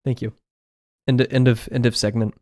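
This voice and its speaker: This young man's voice is mid-range and a little mellow, with flat delivery at a moderate pace. He chats while drawing on a live stream in an apartment room fitted with acoustic foam, rambling, laughing often and joking about himself.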